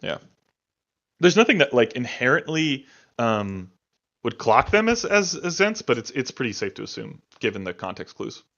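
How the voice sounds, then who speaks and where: A man serving as game master at a tabletop session. His pitch sits mid-range and he restarts his phrases often. The audio is slightly dull. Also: sing-song, gravelly, a bit bright. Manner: halting, repeats words.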